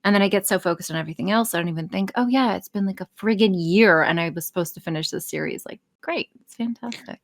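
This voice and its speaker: A woman talks fast at medium pitch, barely pausing. She's an audio creator appearing as a podcast guest, chatting casually, poking fun at herself and swearing freely.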